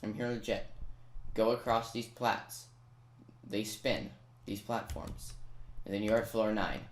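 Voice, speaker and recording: A little slow and fairly even in intonation, a medium-pitched voice offers a casual step-by-step gameplay guide, addressing viewers directly and adding chatty asides. Echo, noise and keyboard clicks fill the recording.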